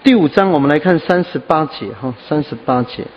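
A man delivers a sermon in a slightly high voice, with frequent soft "ah" and "ha" fillers. The recording is dull and muffled. His voice rings with long reverb in a church hall. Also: a little fast. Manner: scattered with "ah" and "ha" fillers, earnest. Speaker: pastor.

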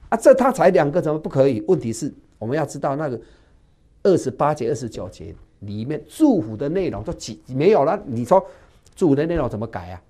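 A man preaching an expository sermon. He keeps asking and answering his own rhetorical questions and acts out the people in the verses. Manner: acts out the quoted figures with dramatic swings in pitch and loudness.

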